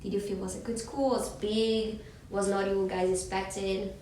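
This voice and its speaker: Recorded distantly in an echoey room with background noise, a young woman student moderates a focus group, reassuring yet hesitant with frequent ums. She speaks at a moderate pace in a medium-pitched, dark voice with little pitch movement.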